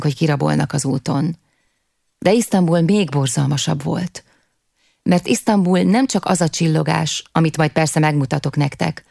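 A young man recalls his childhood in a wistful, confiding way, speaking straight to his listeners, as a woman reads him in an audiobook. The voice sits low with a gravelly edge. The recording is close and dry, with no room sound. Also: a little mellow, dry recording. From half Turkish, half Kurdish (figure). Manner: wistful storytelling, addressing listeners. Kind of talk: audiobook reading.

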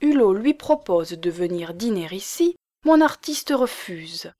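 A woman's voice: mid-range voice, sing-song, unhurried, a little mellow. A woman voicing a young coquettish married woman with a pleading, sighing lilt. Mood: yearning.

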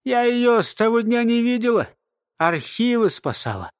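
A sardonic old woman explains and scoffs in a lecturing tone, read by a man. She sounds high and dry up close, with no room around her, in an audiobook. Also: big pitch swings, normal speed, clear, resonant tone, dry recording. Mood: rueful. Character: sly, grumpy old woman, a lore-keeper. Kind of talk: audiobook character voice.

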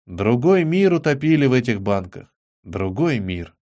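A man voicing a brooding, thoughtful boy in an audiobook, speaking low and measured. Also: big pitch swings, a little mellow, no echo. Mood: hushed.

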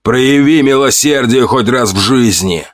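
A man's voice: medium pitch, a little slow, dry recording, clean studio sound, voice pushed up, natural voice. A man voicing a beaten, weary man pleading for a girl's life in an audiobook. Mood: urgent. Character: desperate battered man pleading for a girl.

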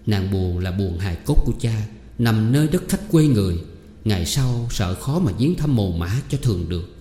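A man reads a novel aloud in a steady, measured way. His tone is mellow and dark. The room echoes, with a long reverb tail. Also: lowish voice. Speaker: audiobook narrator. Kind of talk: scripted narration of a novel. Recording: roomy hall with long reverb.

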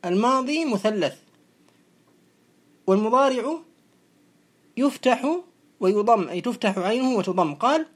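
A woman teaching classical grammar, explaining a text in a methodical way and repeating each verb form slowly. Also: a little high, lively intonation, breathy edge. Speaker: teacher of Arabic morphology.

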